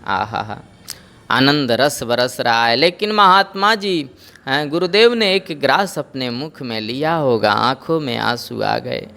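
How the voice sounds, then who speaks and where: A man telling a devotional story as a sermon, animated and voicing the characters. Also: mid-range voice, measured pace, vocal fry. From Bihar, India. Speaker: religious storyteller.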